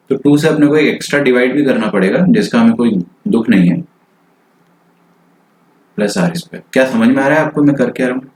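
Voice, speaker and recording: A man teaching maths in a live online lecture, working problems out loud in Hindi-English and checking in with students with frequent tag questions. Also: medium pitch, poor audio. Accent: Indian. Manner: thinks aloud while solving, mixes in English phrases.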